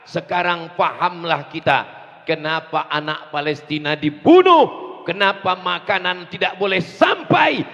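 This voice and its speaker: Gravelly high-voiced preacher shouting outdoors. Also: male voice, lively intonation, highs cut off. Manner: slow emphatic delivery, rising to shouts, repeats for the crowd. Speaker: preacher at a rally. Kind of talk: fiery rally sermon with call and response. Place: large outdoor rally. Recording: distant echo over crowd loudspeakers.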